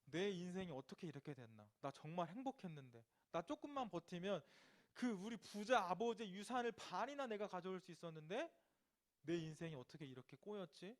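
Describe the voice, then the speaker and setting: A preacher voicing a plaintive, lamenting young Jacob. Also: male voice, high voice, lively intonation, brisk. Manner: plaintive, wistful musing. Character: Jacob, a young man lamenting, self-pitying.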